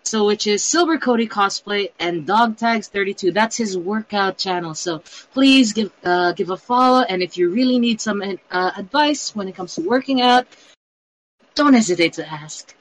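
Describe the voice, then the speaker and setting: A woman's voice: medium pitch, normal speed, a little hiss or hum, low-quality recording. A woman, a cosplayer guest, talking casually and hesitantly with many fillers. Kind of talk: casual chat.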